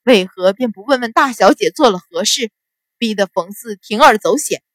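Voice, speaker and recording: A woman's voice: mid-range voice, normal speed, a bit bright, no echo, clean studio sound, natural voice. A woman voicing a resentful, scheming middle-aged stepmother in a noble house, speaking coldly and bitingly. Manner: cold, biting.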